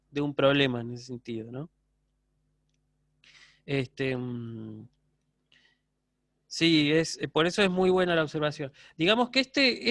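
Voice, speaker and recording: Argentine guy teaching a uni class online, kinda high voice, dry sound, keeps asking "¿sí?". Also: a bit bright, no room sound. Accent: Argentine Spanish. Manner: explanatory, checks in with frequent "¿sí?". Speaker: university lecturer. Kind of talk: online lecture.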